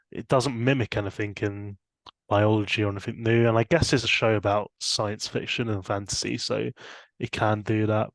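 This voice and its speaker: A young man co-hosting a casual podcast chat, animated and laughing often. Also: dry recording. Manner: animated, laughs often, rising pitch when excited. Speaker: podcast co-host.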